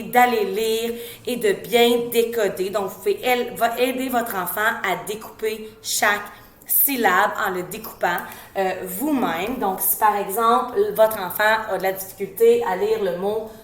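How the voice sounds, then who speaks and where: Québécois woman explaining, slow sounding-out. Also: on the high side, echoey room. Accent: Québécois French. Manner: sounds out letters and syllables slowly and deliberately. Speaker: educator advising parents. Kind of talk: informal instructional talk.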